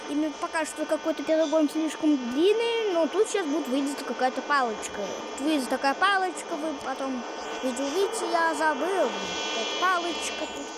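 A woman giving casual, rambling game commentary in halting, repetitive phrases. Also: sits high, expressive. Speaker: gamer commentating. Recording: loud noise from train game. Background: train game sounds.

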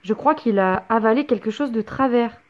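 A woman voicing a gentle, worried mother in a children's story, soft and sweet. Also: on the high side, moderate pace, a little hiss or hum, close to an everyday voice. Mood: caring.

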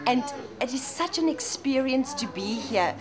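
A woman's voice: high voice, lively intonation, a little slow. Effusive woman contestant. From South Africa. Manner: effusive, enthusiastic. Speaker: pageant contestant. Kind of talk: backstage interview.

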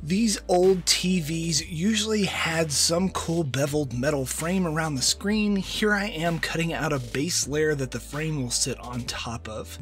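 Forties guy, slightly high voice, voice-over on his foam build, dry jokes about being old. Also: a bit bright. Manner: dry, self-mocking humor. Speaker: prop maker. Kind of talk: voice-over narration of a craft build.

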